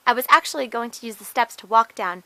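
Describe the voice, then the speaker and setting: A woman's voice: on the high side, quick pace, creaky, sharp tone, poor audio. A young woman chatting casually to camera as a vlogger, rambling with lots of fillers and restarts. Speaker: vlogger and singer.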